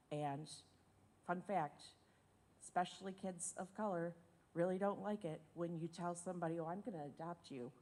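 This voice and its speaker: A woman giving informal personal testimony at a school board meeting, telling it in a conversational, halting way. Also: on the low side, darkish tone. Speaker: parent giving public comment.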